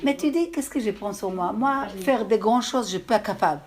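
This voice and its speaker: A woman with an accent giving a religious lesson to a group, telling stories in a halting way and often checking that her listeners understood. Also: on the high side, darkish tone. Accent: speaks with an accent. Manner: storytelling, with halting restarts. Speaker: religious teacher. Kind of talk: lecture to a group.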